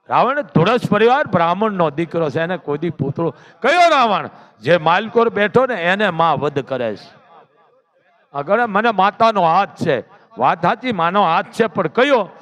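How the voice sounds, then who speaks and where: A man telling a devotional story in an animated, dramatic, lecturing way. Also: high voice. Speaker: religious storyteller.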